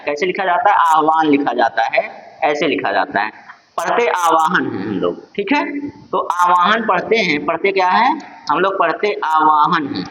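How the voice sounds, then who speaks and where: A male teacher with a Purvanchal Hindi accent giving an exam-prep lesson on Sanskrit sounds. He keeps asking his own questions and answering them. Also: high voice. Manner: addresses viewers as friends, asks and answers his own questions. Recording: dull lo-fi sound.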